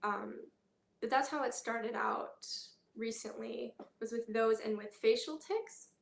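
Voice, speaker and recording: Woman vlogger, slightly high pitch, candid and halting delivery, echoey room sound. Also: vocal fry, a little hiss or hum. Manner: candid, halting, many fillers and pauses. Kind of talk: personal health vlog.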